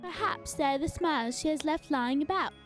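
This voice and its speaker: Woman doing a playful little fairy, super high airy voice, radio play, music behind. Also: normal speed, natural voice. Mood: mischievous, whimsical. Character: small, whimsical, mischievous fairy. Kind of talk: amateur fantasy audio drama acting.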